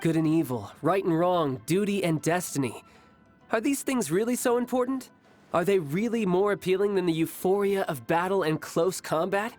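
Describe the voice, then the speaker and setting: An actor playing a calm, proud young warrior who loves battle, in a video game, with music behind. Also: male voice, sits high, moderate pace, lightly acted. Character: bold battle-loving young male warrior.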